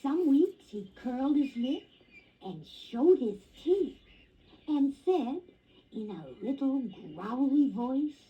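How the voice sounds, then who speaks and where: Slow gentle woman reading a children's story. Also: high-pitched, lively intonation, slight background noise. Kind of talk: children's story record narration. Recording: dull lo-fi vinyl record with music behind. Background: guitar music.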